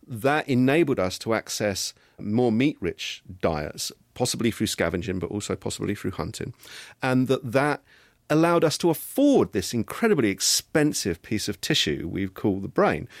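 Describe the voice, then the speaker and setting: A middle-aged professor explains his research in a measured, careful manner. His voice sits low, and the recording is dry and close with no room sound. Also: no echo. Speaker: professor of evolutionary genetics. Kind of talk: interview answers.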